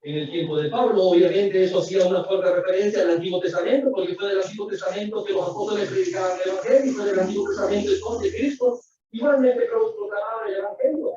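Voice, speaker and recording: Guy preaching, loud and repeats himself a lot, really echoey church, faint hiss. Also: high voice. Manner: emphatic, repetitive preaching, addresses listeners as brothers. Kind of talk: sermon. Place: church sanctuary. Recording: echoey distant lo-fi church recording.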